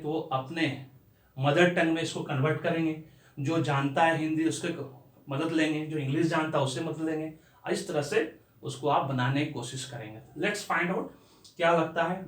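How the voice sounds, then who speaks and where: A man teaching an English lesson in an explanatory way, spelling words out letter by letter, recorded with roomy echo from a distance from the mic. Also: on the high side. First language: Bengali.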